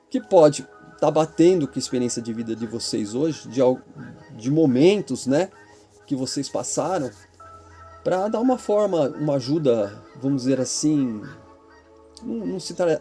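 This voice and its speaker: A middle-aged Brazilian man talking to his channel's listeners in a reflective, rambling monologue, often tagging his sentences with a questioning "né?" and pausing on filler sounds. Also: fairly high pitch, warm tone. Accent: Brazilian Portuguese. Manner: rambling, keeps adding the tag "né?" and filler "é". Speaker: channel host.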